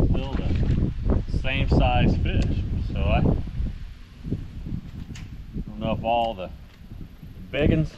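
A middle-aged American fishing vlogger and tournament angler rambles folksily to the camera while fishing from a small boat on a lake. His voice is mid-range and the audio dull, recorded on an outdoor action camera with heavy ambient noise.

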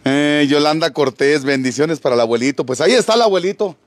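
A vlogger with a Mexican accent visits an elderly man, teasing him in casual, jokey chat and reading out greetings from viewers. His voice is fairly high pitched and fast, in a dry recording.

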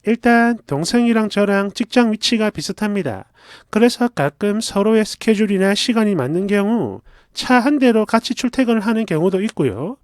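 A man reading a first-person story aloud in a chatty, confiding, expressive way. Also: sits high, moderate pace, no echo, clean studio sound.

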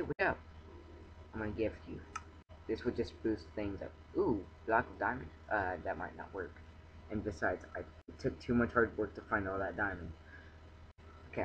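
A young man in his teens giving excitable, rambling commentary over a video game, talking to himself. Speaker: gameplay video maker. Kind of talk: casual gameplay commentary. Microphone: cheap computer mic. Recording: muffled low-quality computer mic, faint background hum.

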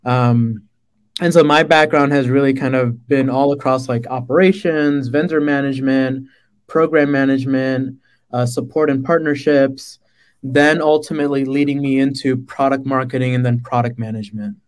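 A man's voice: medium pitch, fairly even intonation, normal speed. A man in his thirties from the Dominican Republic, a product manager on a video-call panel, talking casually with lots of "like" and "right?". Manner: conversational, fillers like "right?" and "like". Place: small room indoors. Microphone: laptop webcam mic on a video call.

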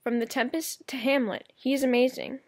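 A woman's voice: high voice, fairly even intonation, normal speed, darkish tone. A woman narrating a school project presentation, reading evenly from a script. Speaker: student presenter.

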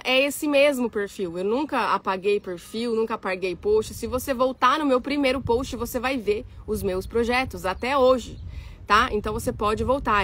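A woman's voice: fairly high pitch, a bit bright. A young woman from Brazil, an architect and influencer, chatting casually to her followers and reading their comments, emphatic and given to repeating phrases. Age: young adult. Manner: emphatic, repeats phrases, addresses audience as gente.

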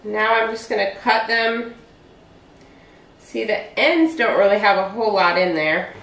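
Filmed by a far-off camera in her echoey home kitchen, a woman in her forties chats casually while walking through her meal prep one step at a time. She speaks at a medium pitch with a measured pace and a slightly bright tone.

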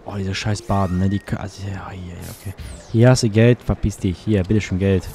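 A man's voice: low voice, steady tone, brisk, a crowd in the background. A man commenting casually on his gameplay, chatty and sarcastic, grumbling at the game as he plays. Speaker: let's play gamer.

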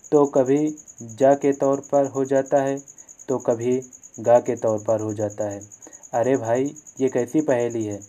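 Slow, deliberate male teacher. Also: mid-range voice, warm tone, highs cut off. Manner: slow, deliberate explanation with repeated examples. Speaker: English pronunciation teacher. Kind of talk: classroom lesson.

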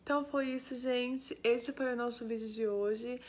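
A woman's voice: fairly high pitch, steady tone, normal speed, heavy background noise. A young woman with a Brazilian Portuguese accent, a mother of twins chatting cheerfully to her viewers while caring for her babies. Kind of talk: casual vlog chat to viewers. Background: loud background music.

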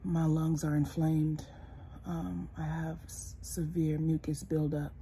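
A young vlogger lies in bed in her bedroom, talking casually to a phone camera held close and low. Congested and hoarse, she sounds tired and soft-spoken, her low voice flat and slow, sometimes dropping to a whisper. There's slight background noise.

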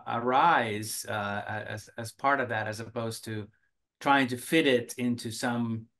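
A middle-aged man, raised in Finland, speaks at a medium pitch over a video call. He answers steadily and thoughtfully, stopping often for filler sounds and restarting his sentences. He sounds like a researcher talking about his work from a home office. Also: a bit bright. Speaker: cancer researcher and oncologist.

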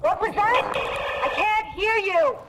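A woman's voice: extremely high pitch, a little slow. A woman playing a game character, a tense woman calling over a failing radio link, sounding strained and urgent. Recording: noisy game audio behind a commentator.

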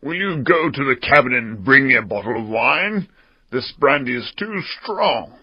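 A man doing a husky, wounded old pirate. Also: medium pitch, lively intonation, a little slow, dry recording, lo-fi sound, voice pushed up. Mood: sly. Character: wounded sly older male pirate.

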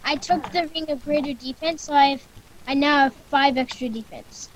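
A woman's voice: high voice, fairly even intonation, moderate pace, lo-fi sound. A young woman with a scratchy throat, chatting eagerly with a friend during an online game. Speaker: gamer. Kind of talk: casual game chat.

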